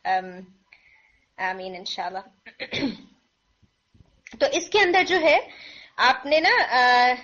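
A woman's voice: fairly high pitch, big pitch swings, pauses often, pushed and bright. A woman teaching recitation pronunciation, patient, drawing out sounds to demonstrate, with a sore throat. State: sore throat, clearing it often. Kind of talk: online pronunciation lesson. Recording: dull lo-fi recording.

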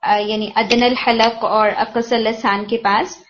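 A woman's voice: on the high side, level tone. A woman teacher giving patient, detailed feedback on Quran recitation, explaining pronunciation step by step. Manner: patient, explanatory, mixes English terms. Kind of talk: tajweed feedback lesson. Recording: dull lo-fi audio with faint hiss.

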